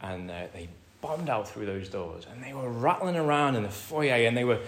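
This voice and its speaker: A British man delivers a chatty sermon to his congregation, calling them "folks". His voice rises to loud emphatic lines, then drops to soft, quiet asides. It rings through a roomy church hall over a faint background hum. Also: medium pitch, expressive, normal speed. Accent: British English. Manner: conversational preaching, calls the congregation "folks". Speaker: pastor.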